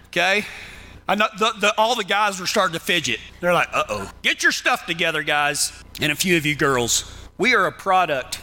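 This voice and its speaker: Pitched high, his voice bright and pushed, a man from Texas preaches a folksy cowboy sermon laid out as numbered tips. He speaks in a Texan accent, addressing listeners plainly and with a sense of humor.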